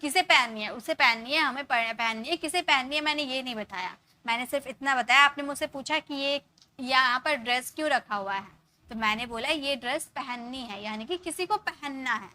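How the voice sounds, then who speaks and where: Young indian woman teacher, high bright voice, drags out the english examples real slow. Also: a little hiss or hum. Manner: explains in Hindi, slowly spells out English example sentences. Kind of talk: live spoken-English class.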